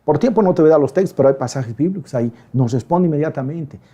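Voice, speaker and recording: A male pastor giving a lively, conversational sermon, acting out quoted voices in quick emphatic bursts. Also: fairly high pitch, husky.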